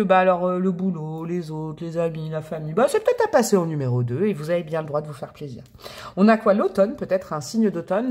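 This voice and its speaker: A woman's voice: fairly low pitch, a little mellow. A woman giving a casual tarot reading to camera, chatty and playful, calling her viewers affectionate pet names. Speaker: tarot reader.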